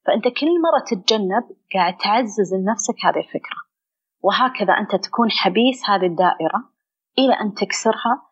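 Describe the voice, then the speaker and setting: Fast-talking husky Saudi woman. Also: medium pitch, dull audio. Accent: Saudi Arabic. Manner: expressive, acts out inner dialogue. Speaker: psychologist guest. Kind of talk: conversational explanation.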